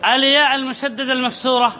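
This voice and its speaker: A man gives a spelling lesson as a sheikh before his students, his voice pitched very high. He poses questions, answers them himself and repeats key phrases slowly. The recording sounds somewhat dull, with a faint hiss behind him. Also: little pitch movement. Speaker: sheikh teaching Arabic spelling. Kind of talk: classroom lesson. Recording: slightly dull recording with faint background noise.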